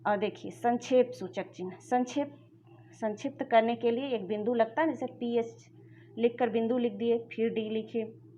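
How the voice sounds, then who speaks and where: Grammar teacher, woman, higher pitch, patient step-by-step explainer, slightly muffled lo-fi recording. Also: steady tone, moderate pace, dark tone, slight background noise. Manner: addresses students directly, explains step by step. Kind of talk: explanatory lesson.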